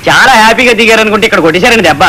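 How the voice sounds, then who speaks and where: A man playing a fast-talking schemer. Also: high voice, noisy background, natural voice. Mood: scheming. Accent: Telugu. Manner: brisk, chatty, scheming comic patter. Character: chatty scheming young man giving matchmaking advice. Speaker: comic film actor. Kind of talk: comic film dialogue.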